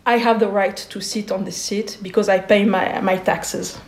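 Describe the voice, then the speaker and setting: This interview guest, a Swiss woman in her forties, pauses a lot and uses fillers as she thinks things through. She has a steady, mid-range voice, heard in an echoey room.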